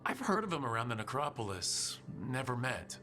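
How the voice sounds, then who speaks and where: A man's voice: medium pitch, sing-song, normal speed, sharp tone. An actor playing an assured, businesslike male team leader in a fantasy video game. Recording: music under the voice.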